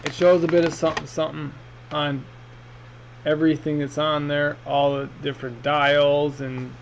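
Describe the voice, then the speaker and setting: In an unboxing vlog, a man improvises a loose, meandering and unsure product review at normal speed. His voice is fairly high and level, and the recording sounds muffled with noticeable background noise.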